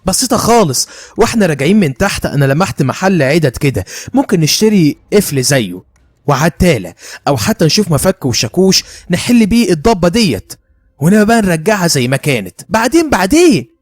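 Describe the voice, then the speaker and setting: A man voicing a scheming, hot-tempered young man with an Egyptian accent, quick and teasing and easily riled. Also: high voice, big pitch swings, no echo, pitched above the performer's own voice. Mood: scheming, eager.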